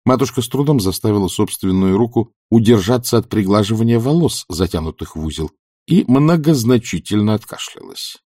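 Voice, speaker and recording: A man reading a story aloud with an expressive, ironic delivery. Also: on the low side, fairly quick, no room sound, clean studio sound. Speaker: audiobook narrator. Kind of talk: scripted narration.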